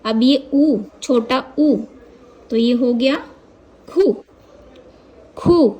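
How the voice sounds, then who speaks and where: High-voiced woman teaching very slowly. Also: steady tone, warm tone. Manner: slow, drawn-out syllable drills. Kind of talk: slow spoken lesson.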